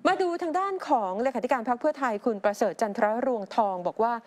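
A woman co-anchoring a news show, reading political reports in a brisk, conversational way. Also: on the high side, big pitch swings.

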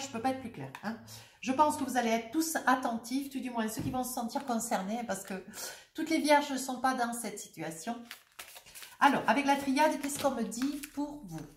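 A woman's voice: on the high side, echoey room, slight background noise. A woman with a head cold giving a casual, jovial tarot reading to her viewers, chatty and full of little filler tags. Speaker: tarot reader.

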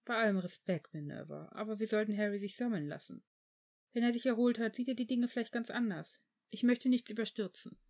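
A reader voicing an old male headmaster in a fan fiction audiobook, measured and calm, turning stern. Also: medium pitch, voice pushed up, close to an everyday voice. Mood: firm.

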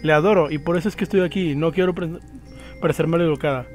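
A lost, confused ten-year-old girl, as a man reads her lines from a game with small stumbles. The voice sits fairly high for a man, with faint music underneath. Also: fast, darkish tone, lightly acted. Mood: earnest. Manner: reads lines from the screen with slips.

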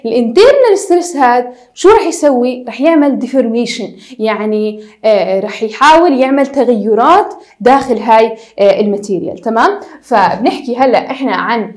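A young woman gives a casual university lecture, mixing in English technical terms and pausing often on hesitation sounds. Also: fairly high pitch, expressive, darkish tone. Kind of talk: recorded lecture.

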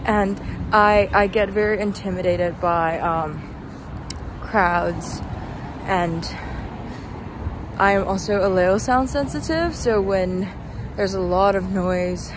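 Speaking at medium pitch, a young adult woman vlogs casually on a night walk down a city street. She holds her phone at arm's length and talks slowly, rambling, halting and trailing off, while traffic passes noisily around her.

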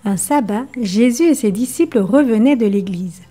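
A woman presenting a children's Bible lesson, reading a story in a steady, clear way. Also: on the high side, moderate pace.

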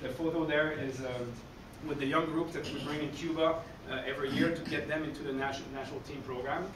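This is a man in his forties from Quebec City, Canada, with a Québécois French accent, delivering a lively, chatty conference talk to coaches and frequently asking "okay?". He talks fairly quickly in a slightly high voice. The audio comes from a far camera in a dark conference hall where he stands in front of a screen, so it's distant, echoey and noisy.

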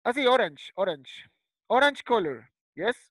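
A man's voice: very high voice, very animated, measured pace, fairly bright tone, dry recording, low-quality recording. A man teaching a first-grade English class over a video call, switching between Spanish and English, repeating words patiently and checking in with short tag questions. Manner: patient, repeats words, ends lines with ¿cierto? and ¿listo?. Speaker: primary school English teacher.

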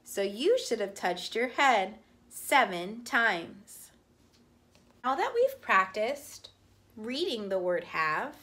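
A woman teaching kindergartners, speaking slowly and sounding out words for young children. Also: mid-range voice, bright, forceful tone. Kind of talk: slow, clear classroom instruction.

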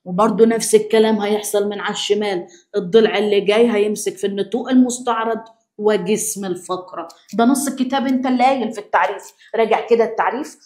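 A woman with an Egyptian accent, a biology teacher giving an exam review lesson, explaining in a lively way and firing rhetorical questions at her students. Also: medium pitch, fast talker, reverberant.

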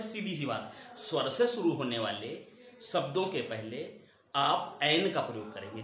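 A man's voice: fairly high pitch, fairly bright tone. A man teaching a class, repeating each point and asking and answering his own questions. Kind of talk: classroom lesson. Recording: very echoey room, faint noise.

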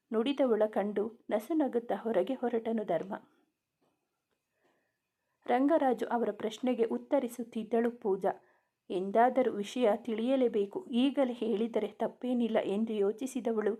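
A woman's voice: fairly high pitch, dark tone. A woman narrating a romance story aloud, voicing the dialogue lightly as she reads. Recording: tinny phone-like sound.

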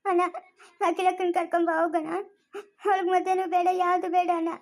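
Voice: extremely high pitch, flat delivery, quick pace. A performer playing an anxious young village girl in a family drama, urgently calling out to her sister.

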